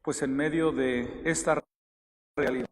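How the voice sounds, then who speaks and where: A man's voice: mid-range voice, fairly even intonation. A man leading Mass as a priest, chanting responses and reading the gospel in a large church with a long cathedral echo. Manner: slow, measured chant on the responses. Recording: echoey church recording, faint music.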